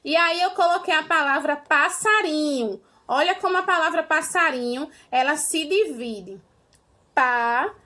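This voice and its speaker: A woman's voice: high voice, normal speed, few pauses, sharp tone. A young Brazilian woman teaching a remote primary school lesson, patient and step by step, often checking in with "tá?". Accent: Brazilian Portuguese. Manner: patient, explains step by step, ends phrases with "tá?".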